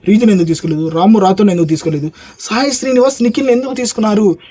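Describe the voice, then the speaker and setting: A man's voice: high-pitched, very fast, warm tone. A man reviewing a reality show in a heated monologue, firing rhetorical questions and calling his viewers mama. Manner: argumentative, fires rhetorical questions at rival reviewers; calls viewers "mama" and "swamy".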